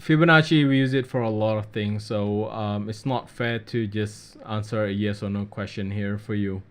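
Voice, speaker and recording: A man hosting a live trading webinar, reading out viewer questions and answering them in a casual, relaxed way. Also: on the low side, normal speed, smooth. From Australia.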